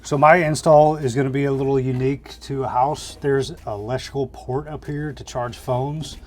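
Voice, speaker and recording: Male DIY vlogger, mid-pitched, plain-spoken, narrating hands-on work in the tight interior of a camper, music behind. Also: fairly even intonation, normal speed, a little mellow. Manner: plain-spoken, thinking aloud as he works. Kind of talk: hands-on installation tutorial, casual narration. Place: inside a camper, small indoor space.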